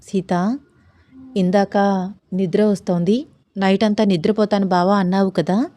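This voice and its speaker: A woman's voice: medium pitch, moderate pace, mellow, dry recording, natural voice. Playful young husband in a romance audiobook, read by a woman; coaxing, light, dry close sound. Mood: teasing. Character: young man, gentle teasing husband.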